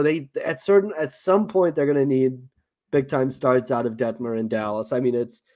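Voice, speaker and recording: A man's voice: medium pitch, a little mellow. A man with a South African accent co-hosting a sports podcast, talking casually with many fillers and restarts. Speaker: podcast co-host.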